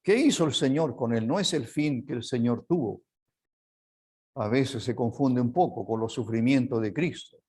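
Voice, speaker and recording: A man with a Chilean Spanish accent preaching a sermon as pastor, earnest and unhurried, closing in a quiet prayer. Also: medium pitch, slightly rough. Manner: slow, earnest preaching that drops to a soft prayer.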